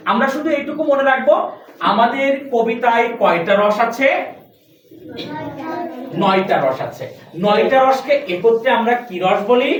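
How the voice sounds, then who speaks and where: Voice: mid-range voice, lively intonation, unhurried, pauses often. Distant teacher in a very echoey classroom. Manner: patient, quizzes students with repeated questions. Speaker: recitation and pronunciation teacher. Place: classroom with benches. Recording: very echoey room, distant mic.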